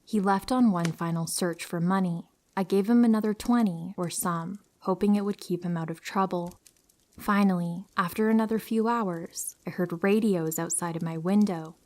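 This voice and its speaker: A woman with a fairly low voice reads true horror stories at a moderate pace. She keeps her delivery calm and even, like a narrator telling a sleep story.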